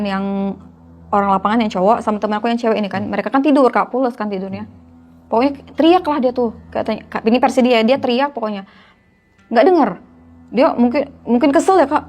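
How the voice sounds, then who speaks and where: A young woman with a slightly high, somewhat mellow voice casually tells a horror story to a host. Chatty as she goes, she keeps calling the host "Kak."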